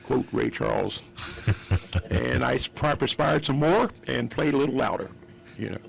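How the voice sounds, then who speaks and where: A man's voice: mid-range voice, measured pace, vocal fry, a little hiss or hum. A man in his fifties from West Virginia telling stories as a guest on a radio interview, rambling and restarting his sentences often. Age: 50s. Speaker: guest musician.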